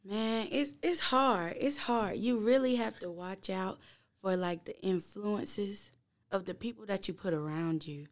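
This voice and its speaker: A woman in her early twenties chatting casually on a podcast, lively and laughing as she tells stories. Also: mid-range voice, a little slow. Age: 20s.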